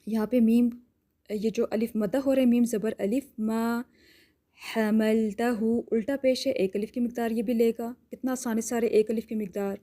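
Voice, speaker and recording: Patient woman tutor with a mellow voice. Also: a little high, steady tone. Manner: patient, explains step by step, often asks "theek hai?". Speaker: Quran recitation teacher. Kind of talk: tajweed lesson with slow drawn-out demonstrations.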